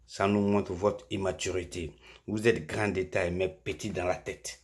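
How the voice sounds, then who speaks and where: A man's voice: sits low, fairly even intonation, unhurried. A man delivering a scolding political monologue, insulting his listeners and rising to emphatic peaks. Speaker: political commentator.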